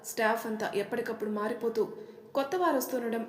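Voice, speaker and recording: A woman telling a story in calm, measured scripted narration. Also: a little high. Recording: echoey room with long reverb.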